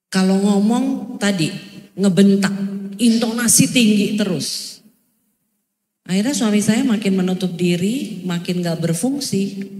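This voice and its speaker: A middle-aged woman preaching a personal testimony in a church hall, speaking in an earnest, confessional, animated way. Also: on the low side. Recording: echoey long hall reverb.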